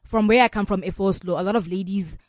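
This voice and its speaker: In a radio interview, a law student and organization founder in her twenties talks earnestly and fluently, often saying "you know." She has a South African accent and a mid-range voice, speaking fast. There's no echo, but the audio is dull.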